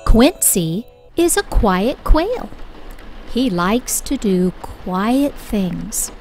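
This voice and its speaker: A woman reading a children's picture book aloud with clear, expressive storytelling. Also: medium pitch, extremely slow. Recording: soft music bed underneath.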